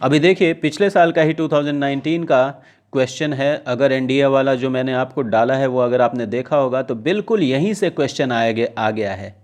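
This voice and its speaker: A man teaches English vocabulary to exam students, reading news lines slowly and then explaining them conversationally with checking questions. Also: medium pitch, a little mellow. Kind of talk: casual classroom-style lesson, mixing Hindi and English.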